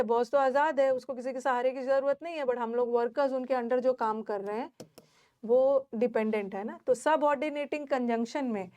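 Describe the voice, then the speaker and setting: A woman's voice: on the high side, a little mellow. A woman teaching a grammar lesson in Hindi mixed with English terms, explaining step by step, repeating key words and asking the class questions.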